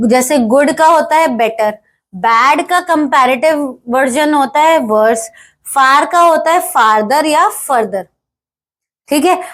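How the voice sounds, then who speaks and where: High-voiced, unhurried woman teacher. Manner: explains step by step, often checks with "है ना?"; reads English example sentences slowly and deliberately. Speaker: English grammar teacher. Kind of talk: classroom grammar lesson.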